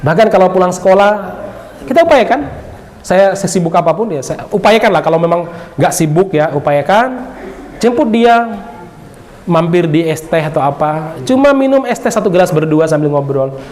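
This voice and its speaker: A middle-aged man from Bima preaching a religious lecture in a high voice. He talks in a relaxed, storytelling way, lively and humorous. A faint hum sits under his speech. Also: normal speed. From Bima, Indonesia. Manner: lively and humorous, often laughing and acting out dialogue.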